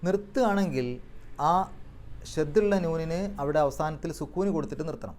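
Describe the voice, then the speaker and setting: A man giving a religious lesson, explaining recitation rules step by step and slowly chanting example words. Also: a little high, darkish tone. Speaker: Quran teacher.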